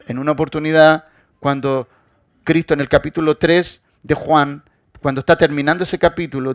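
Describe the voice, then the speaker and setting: Male pastor, sermon, fairly high voice, dry close sound, swings from loud emphasis to quiet asides. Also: dry recording. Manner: addresses the congregation directly as beloved.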